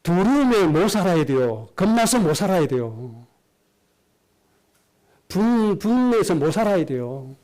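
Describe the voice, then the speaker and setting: A man's voice: high-pitched, very animated, measured pace, long pauses, warm tone. A middle-aged man, preaching a sermon as pastor and telling a personal story in an earnest way. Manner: earnest storytelling, acts out quoted speech.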